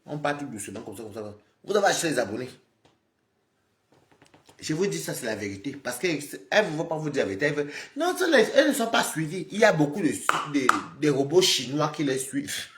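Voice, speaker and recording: A man live streaming, scolding and lecturing his viewers in an animated, repetitive rant. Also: fairly high pitch, brisk, roomy sound, slight background noise. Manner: scolding, animated, repeats himself, talks straight to viewers.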